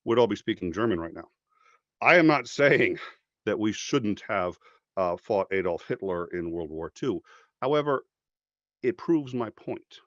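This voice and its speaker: A man's voice: lowish voice, lively intonation, moderate pace, fairly bright tone, dry recording. A man making a passionate, profane argument in casual conversation, jumping into mocking voices when he quotes people. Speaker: podcast guest. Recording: dry, slightly dull podcast audio.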